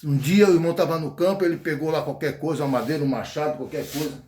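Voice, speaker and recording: A man's voice: on the high side, quick pace, darkish tone. A man with a Brazilian accent preaching an informal sermon in a folksy, joking way, acting out scenes. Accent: Brazilian Portuguese. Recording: echoey room.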